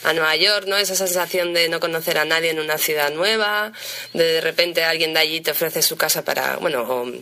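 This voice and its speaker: Bright, lively actress in an interview. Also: female voice, sits low, a little fast. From British family, lived in Barcelona. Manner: lively, laughing, playful teasing. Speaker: actress guest. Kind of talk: casual interview.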